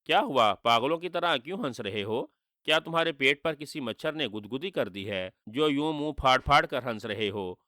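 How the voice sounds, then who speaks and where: A man voicing a cunning, sharp-tongued male trickster hero who answers with sarcastic insults, in a storybook reading. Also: medium pitch, animated, moderate pace, dry recording, studio quality.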